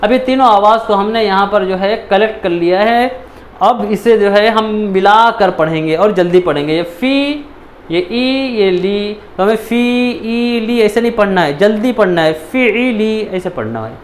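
Male Quran reading teacher, high voice, patient syllable-by-syllable drilling, faint background hiss. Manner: patient, repeats syllables slowly, frequent "theek hai". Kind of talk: step-by-step recitation lesson.

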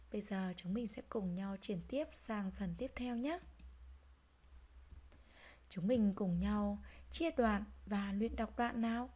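A woman teacher giving a reading lesson to young children, speaking gently and pronouncing each word clearly. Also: medium pitch. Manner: gentle, slow, clearly articulated. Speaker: primary school teacher.

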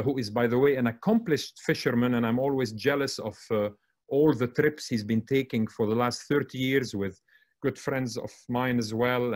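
A man from Lebanon hosts an online medical conference, introducing each guest with admiring remarks. His delivery is steady and mid-pitched, often broken by fillers and self-corrections. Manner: warm, admiring, with frequent fillers and restarts. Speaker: moderator introducing panelists and speakers.

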